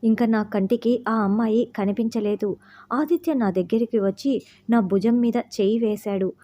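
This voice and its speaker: A woman narrating a first-person heartfelt story in a calm, steady reading voice. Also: a little high, normal speed.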